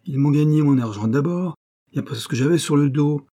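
A man's voice: fairly high pitch, brisk, mellow, voice pushed up. A man voicing a cocky young male street rascal in an audiobook, grumbling and indignant in slangy speech.

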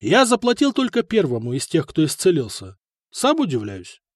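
A man's voice: on the high side, huge pitch swings, moderate pace, no echo, studio quality. Man doing a brash, commanding warrior-king. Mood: sly. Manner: brash, commanding, shouting orders. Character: ruthless bold warrior-king, commanding male.

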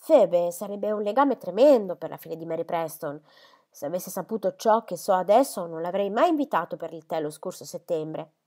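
A woman's voice: fairly low pitch, expressive, moderate pace, darkish tone. A woman voicing a stern, disapproving older spinster who speaks in an admonishing, authoritative way.

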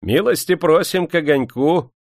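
A man's voice: on the high side, animated, moderate pace, no echo, clean studio sound, pitched above the performer's own voice. A man voicing a hearty, fussy male Roma vagabond who exclaims and fawns in an audiobook reading. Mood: welcoming. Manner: exclaiming, fawning.

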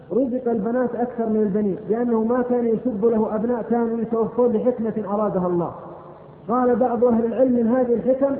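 A man with a Saudi accent giving a fervent, storytelling sermon as a preacher. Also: high-pitched. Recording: echoey hall, tinny phone-like sound.

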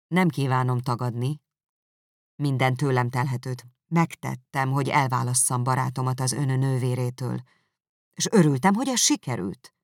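An audiobook narrator voicing a proud young gentleman, cool, haughty and measured. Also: mid-range voice, no echo, studio quality, lightly acted. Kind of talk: audiobook character reading.

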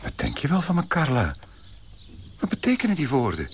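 A man playing a pompous, prim young gentleman in a radio play, turning indignant and shrill when shocked. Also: wildly swooping pitch, a little fast, vocal fry, a little hiss or hum.

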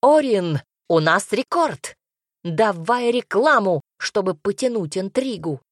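Brief: pushy, excitable male gnome director, as a woman puts him on, barking commands, dry close sound. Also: mid-range voice, measured pace, no echo. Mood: frantic, pushy.

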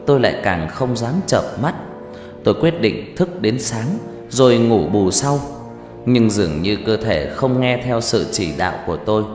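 A man narrating a first-person ghost story in a lively, dramatic way. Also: lowish voice. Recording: reverberant room with faint music.

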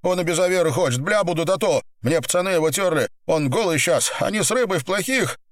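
A man's voice: high-pitched, expressive, fast, no echo, studio quality, voice pushed up. A man voicing a cruel, contemptuous male gang boss who threatens coarsely in an audiobook. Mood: menacing.

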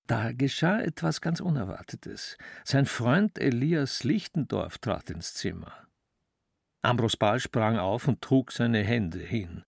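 A male narrator reads a literary story in a measured, deliberate manner. His delivery is very slow and strongly gravelly. The sound is dry and close. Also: medium pitch, expressive, no echo.

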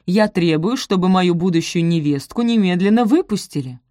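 A woman voicing a commanding, sharp-tongued aristocratic older dowager lady. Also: fairly low pitch, normal speed, dry recording, clean studio sound, natural voice. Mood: imperious.

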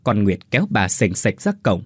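A man's voice: lowish voice, big pitch swings, moderate pace, breathy edge, no room sound, studio quality. A man narrating a dramatic folk story in an emotive storytelling manner.

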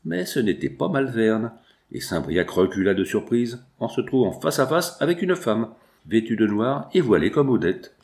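A man reading a classic novel aloud in a measured, expressive way. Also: on the low side. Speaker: audiobook narrator. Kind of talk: scripted narration.

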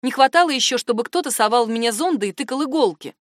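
A woman voicing a stubborn, sharp-tongued older woman who talks back defiantly in a raised voice. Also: fairly high pitch, expressive, fast, no room sound, studio quality, natural voice.

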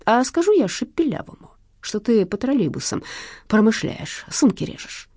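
A woman reader voicing a shrewd older male former policeman who speaks calmly and cuttingly. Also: a little high, normal speed, breathy edge, no echo, voice pushed up, heavily acted. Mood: calmly threatening. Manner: calm, dry, cutting. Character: shrewd older male ex-cop, calm and cunning.

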